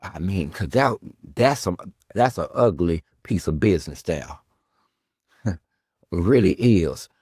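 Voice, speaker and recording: Low-voiced man delivering a needling, profane rant. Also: animated, measured pace, pauses often, darkish tone, husky, dry recording, studio quality. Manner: sarcastic, profane, needling, repeats questions. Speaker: podcast host. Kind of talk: confrontational monologue addressed to an absent guest.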